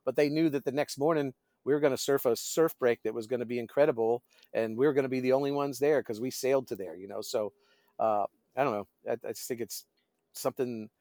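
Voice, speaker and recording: A fast-talking, middle-aged man with a mid-range, darkish voice keeps a steady tone as he swaps casual stories as a podcast guest. A pastor and fishing guide by trade, he often reaches for his words. The audio is studio quality, with no echo.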